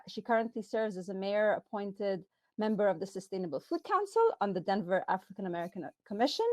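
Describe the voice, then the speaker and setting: A woman moderator briskly reading a speaker's introduction, with a few fillers. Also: medium pitch, darkish tone, dry recording.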